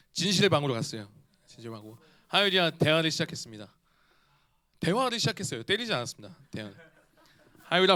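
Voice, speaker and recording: Youth pastor guy in his 30s preaching, bright voice, lots of questions to the kids. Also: fairly high pitch. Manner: animated, asks the listeners questions. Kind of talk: sermon. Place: church.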